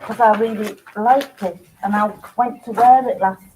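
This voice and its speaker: A woman's voice: mid-range voice, fairly even intonation, normal speed, dark tone, slight background noise, rough recording. A woman with a Geordie accent hosting a casual live craft stream from home, chatting and rambling with lots of ums. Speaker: craft channel host.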